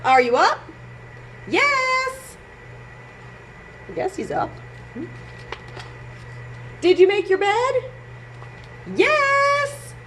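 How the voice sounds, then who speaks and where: Drawing out her words and pausing frequently, a very high-voiced woman presents a children's storytime at the library. She's playful and animated, speaking straight to the young listeners as she reads and sings, with noise in the recording.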